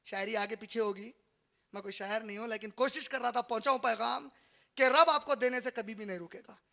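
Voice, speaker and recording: A man preaching, his voice very high, bright and piercing. A gravelly edge runs through it as he swings from hushed asides to loud cries. He keeps putting rhetorical questions to the listeners in the hall. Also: fairly quick. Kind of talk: religious lecture. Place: lecture hall.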